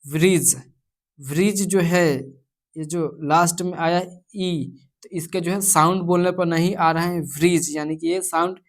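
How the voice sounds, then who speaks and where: A woman with an Indian accent teaching English pronunciation, her voice sitting low for a woman. She talks slowly and deliberately, listing example words one by one and repeating them as she explains each rule. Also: fairly even intonation. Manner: slow, repetitive, spells out words one by one. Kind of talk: slow classroom explanation in Hindi.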